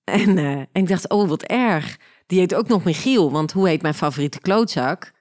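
A woman with a low voice and a Flemish Belgian accent tells a story from her own life as a podcast host. She talks casually and animatedly, with a sarcastic edge, and laughs at herself. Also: animated, moderate pace, darkish tone.

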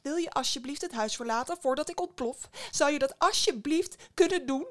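A woman voicing a short-tempered mother who talks fast and tense, always on the edge of exploding. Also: high-pitched, pitched above the performer's own voice, natural voice. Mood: furious. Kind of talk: storybook voice acting.

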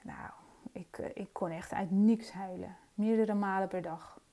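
Woman, middle-aged, coaching podcast host, reflective, hesitant, medium pitch. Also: fairly even intonation, measured pace, warm tone. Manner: earnest and reflective, with frequent hesitations. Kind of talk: personal solo podcast talk.

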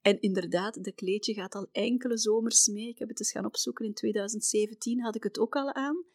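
A middle-aged Flemish woman from Belgium hosting a podcast, telling personal travel stories in a chatty way, often dropping to a soft near-whisper. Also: mid-range voice, steady tone, a little fast, no room sound, studio quality. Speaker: podcast host.

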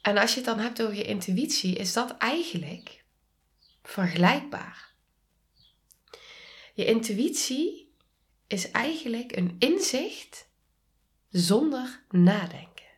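A woman with a Dutch accent hosting a reflective solo podcast, speaking calmly and softly and often dropping into a whisper. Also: fairly high pitch. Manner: slow, calm, soft-spoken, drops to whispers. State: sneezing. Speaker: podcast host and coach.

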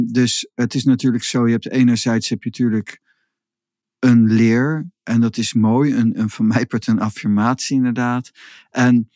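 A man co-hosting a podcast, explaining spiritual ideas in an unhurried, reflective way. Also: mid-range voice, darkish tone, no room sound, clean studio sound. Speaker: podcast host. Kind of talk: casual podcast conversation.

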